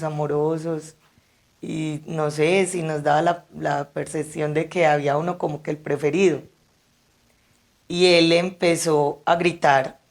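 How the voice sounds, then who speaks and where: A woman who works at funerals, telling anecdotes in an interview and animatedly acting out the people in them. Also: deep voice. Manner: animated, acts out quotes. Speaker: funeral service worker.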